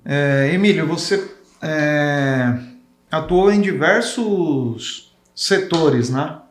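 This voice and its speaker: A man's voice: a little high, extremely slow. Hesitant male host in an echoey room. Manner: hesitant, filler-laden questions. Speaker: podcast host. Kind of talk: interview questions. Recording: roomy echo.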